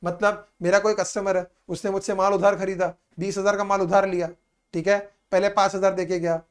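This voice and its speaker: A male tutor takes students through an accounting lesson. He repeats key ideas and addresses the class fondly as "beta." When a textbook definition comes up, he slows down and reads it word by word. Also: sits high, level tone, clean tone. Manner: patient, repetitive explaining, calls students "beta"; reads English definitions slowly and deliberately. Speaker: commerce teacher. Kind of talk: classroom lecture in mixed Hindi and English.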